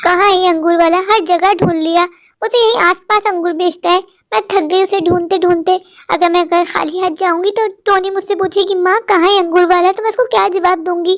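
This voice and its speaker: A woman voicing a patient cartoon mother who explains things softly and calmly. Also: extremely high pitch, fairly quick, no room sound, studio quality. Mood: worried. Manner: soft calm explaining.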